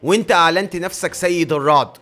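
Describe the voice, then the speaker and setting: A man playing a loud, cocky punk spider-hero, egyptian accent, pitched a bit high. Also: very fast, soft background music. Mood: defiant. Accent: Egyptian Arabic. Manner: cocky, threatening street talk. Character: reckless punk male superhero, defiant and brash.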